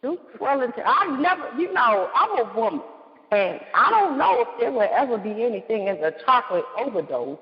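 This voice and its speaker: A woman's voice: on the high side, a little fast. A woman guest author chatting casually and reacting with lots of laughter. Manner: giggly, expressive reactions. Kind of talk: casual chat. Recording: muffled with long reverb.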